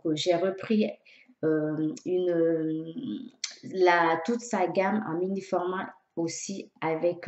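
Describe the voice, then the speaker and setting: A woman talking casually to her viewers in a product review vlog, hesitant with many pauses and fillers. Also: fairly low pitch, darkish tone. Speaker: beauty vlogger. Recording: echoey room, dull lo-fi sound.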